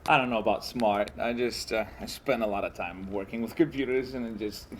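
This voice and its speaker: A man's voice: on the low side, fairly even intonation, brisk, slight background noise. A young man from Russia, speaking English with a Russian accent, chatting as a guest with many fillers, restarts and jokes. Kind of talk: casual interview chat.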